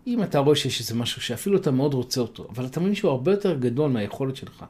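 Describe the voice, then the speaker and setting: A man telling a moral folk tale, pausing to explain its lessons. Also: mid-range voice, lively intonation, a little mellow, slightly rough. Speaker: storyteller.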